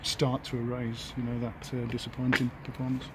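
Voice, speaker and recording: A man in his fifties, an English football manager, giving a halting post-match interview outdoors by the pitch, full of fillers and restarts. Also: monotone. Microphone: handheld camera at close range. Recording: outdoor noise behind.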